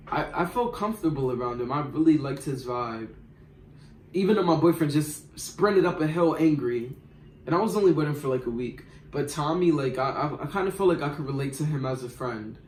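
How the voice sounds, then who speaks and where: A man's voice: on the high side, fairly quick, slight background noise. A young man tells a rambling, slangy story in a casual storytime. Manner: slangy, rambling, animated retelling. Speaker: vlogger. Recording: roomy echo.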